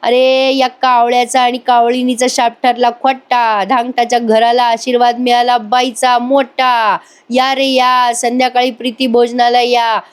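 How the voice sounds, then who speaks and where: A woman voicing a jubilant older village man from a soap who chants loud invitations to a feast, in a sing-song announcing manner, a little higher and slower than her own voice. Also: monotone, clear, resonant tone. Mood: gleeful chanting.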